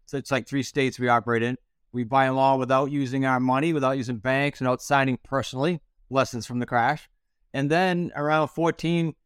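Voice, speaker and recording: A middle-aged man from Rhode Island answering interview questions as a guest, in a brisk, matter-of-fact way. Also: medium pitch, smooth, dry recording, studio quality. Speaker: guest, real estate investor.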